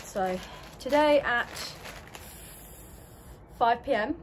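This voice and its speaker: A woman's voice: on the high side, very slow, a little hiss or hum. A young woman, chatting upbeat and rambling in a vlog, filmed on a phone held at arm's length at a stable yard. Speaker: equestrian vlogger. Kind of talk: casual vlog chat. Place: stable yard, outdoors and in a horse lorry.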